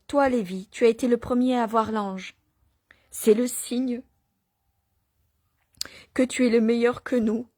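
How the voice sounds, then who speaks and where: A timid shepherd pushes a boy forward in a quick, coaxing voice, as a woman reads him out. The sound is dry and close to the mic. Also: on the high side, steady tone, mellow, no room sound.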